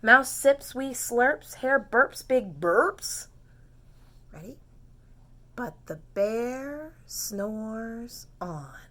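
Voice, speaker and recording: Reading a picture book to a group of preschoolers, a woman teacher keeps things gentle and unhurried. Her voice is a little high with lively intonation, and she slips into soft whispers and encourages the kids to take part.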